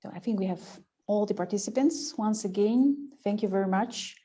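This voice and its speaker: A woman with a warm, mellow voice announces a competition result. She pauses often and fills the gaps with little hesitations, speaking at a middle pitch over a video call. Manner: hesitant, many fillers. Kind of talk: casual chat, then formal announcement.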